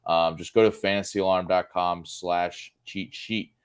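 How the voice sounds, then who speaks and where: A man's voice: low voice, unhurried, clear, resonant tone. A man co-hosting a sports betting show, steering the talk and running through stats with frequent fillers. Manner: steady, filler-heavy, runs through stats. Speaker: co-host, betting analyst. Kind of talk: casual sports betting chat.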